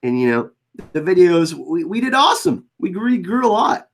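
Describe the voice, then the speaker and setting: A livestream host with a French Canadian accent and a very animated, up-and-down pitch. The delivery is casual and informal, halting and doubling back on words while answering chat comments. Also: vocal fry.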